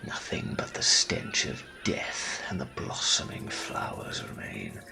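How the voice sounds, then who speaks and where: Theatrical taunting villain for audio drama male actor: low, widely swooping delivery, gloating menace. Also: wildly swooping pitch, takes it slowly, exaggerated voice. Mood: grandiose menace. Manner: taunting, theatrical, slipping into breathy whispers. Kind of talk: fan audio drama acting. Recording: echoey, long reverb, music underneath.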